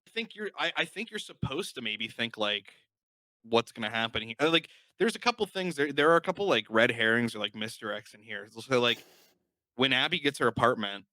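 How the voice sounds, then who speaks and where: A man's voice: mid-range voice, lively intonation, fairly quick, pushed and bright, dry recording, low-quality recording. A man co-hosting a podcast, talking casually and rambling about a film with many "like" fillers. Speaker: podcast co-host.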